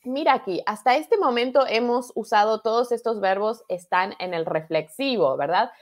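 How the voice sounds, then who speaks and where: An Argentine-accented woman from Argentina runs a live-streamed online Spanish class out of her home studio. Her voice is a little high at a moderate pace, and she stays patient and encouraging, repeating herself and checking in with "¿verdad?".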